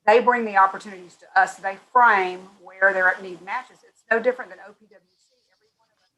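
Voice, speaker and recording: Woman board member with a bright, tense edge, heard over a fading, dropping call connection. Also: medium pitch, steady tone, fast, poor audio. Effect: breaking-up call line that fades in and out. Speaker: fire district board member. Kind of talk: remote board meeting discussion.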